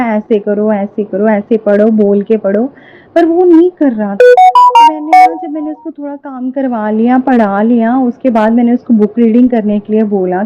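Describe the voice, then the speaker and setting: A woman earnestly sharing a devotional testimony with a prayer group, often turning to address the congregation directly. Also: on the high side. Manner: earnest, repeatedly addresses the congregation, many fillers. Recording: tinny phone-line audio.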